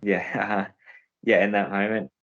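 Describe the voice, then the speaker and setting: A man's voice: fairly low pitch, level tone, a little slow, a bit bright, muffled recording. A young man, a professional cyclist, answering interview questions in a hesitant way, with many fillers and restarts.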